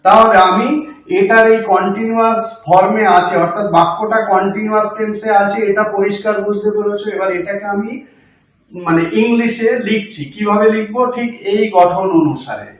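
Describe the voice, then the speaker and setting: Guy teaching grammar real slow, breaks it down bit by bit, super echoey room. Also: sits high, lo-fi sound. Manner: slow, step-by-step explaining with fillers. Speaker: English teacher. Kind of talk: grammar lesson.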